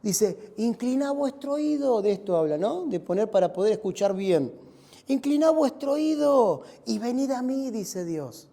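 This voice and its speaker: A man with a Rioplatense Spanish accent, preaching a sermon in a church, swinging between loud shouts and hushed, quiet lines. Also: very high voice, sing-song, a little slow, vocal fry. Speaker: pastor.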